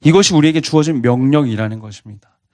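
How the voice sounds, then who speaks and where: A man's voice: medium pitch, fast, dark tone. A man pastor preaching a sermon to a college congregation, earnestly asking them repeated questions.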